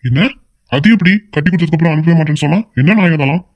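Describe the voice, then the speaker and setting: A man voicing a worried older uncle in a cartoon, talking fast and pleading. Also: on the high side, no room sound, highs cut off, close to an everyday voice. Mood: upset. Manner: fretful, pleading, quick talk. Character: worried older uncle, anxious family elder. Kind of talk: cartoon voice acting.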